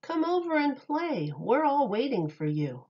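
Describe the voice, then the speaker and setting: With a playful sing-song lilt, a teacher reads aloud from a rhyming children's book without hurrying. She lays out each phrase clearly for little ones, and the sound quality is slightly dull and lo-fi.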